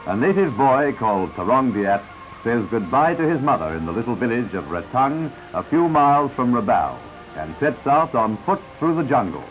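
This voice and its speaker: In a self-assured announcer's voice, a man narrates an old newsreel at a moderate pace, his pitch swinging lively up and down and his confident delivery broken by asides to the viewer. The audio is dull and lo-fi, like a 1950s newsreel soundtrack, with music clearly audible underneath.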